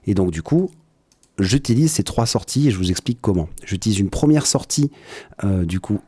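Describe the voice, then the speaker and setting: A man with a French accent giving a relaxed, hesitant live-stream tutorial on his music setup from his home studio. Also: fairly low pitch, moderate pace, slightly rough, dry recording. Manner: explanatory, with frequent hesitations and "hop" interjections.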